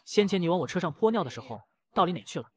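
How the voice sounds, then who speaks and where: A man's voice: high-pitched, sing-song, rapid-fire. A man voicing an arrogant young male fighter, cold and cruel, in a storybook comic retelling. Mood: cold taunting. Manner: cold, taunting.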